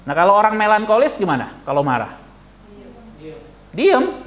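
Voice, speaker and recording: A male pastor giving a lively sermon, animated and jokey, questioning the congregation. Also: a little high, normal speed. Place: church.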